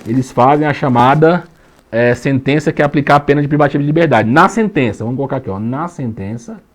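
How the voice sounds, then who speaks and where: A man's voice: medium pitch, quick pace. Brief: male law professor, casual slangy lecture, playful, keeps asking if you got it. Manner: slangy, jokey, keeps checking understanding. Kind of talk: online exam-prep lecture.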